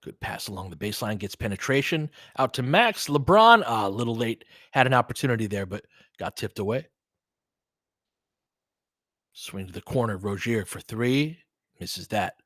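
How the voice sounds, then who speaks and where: At a moderate pace, an animated man with a medium-pitched, fairly bright voice hosts a basketball livestream and calls the action informally. His opinionated commentary switches between clipped play calls and easygoing chat with viewers, recorded in clean, dry studio sound.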